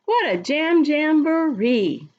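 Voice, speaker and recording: A woman reads a storybook aloud to young children, speaking to them directly and expressively, drawing out words, chatting and asking questions. Her high-pitched voice is sing-song and slow. The sound is lo-fi.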